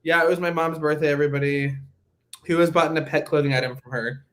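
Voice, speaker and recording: A man co-hosting a casual podcast chat, joking and teasing in an animated way. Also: a little high, fast. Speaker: podcast co-host.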